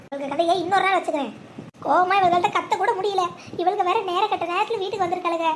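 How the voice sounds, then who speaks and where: Cartoon lead: a scheming young wife, very high and fast-talking. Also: female voice, steady tone, a little hiss or hum. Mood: irritated. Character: fretful young married woman, sharp-tongued, scheming. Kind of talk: animated cartoon voice acting.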